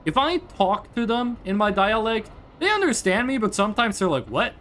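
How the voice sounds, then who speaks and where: A native Norwegian man from Norway streams a game, chatting casually over the gameplay in a rambling, curious way and swearing freely. His high, fairly bright voice swings widely in pitch at a moderate pace, with a little hiss or hum in the audio.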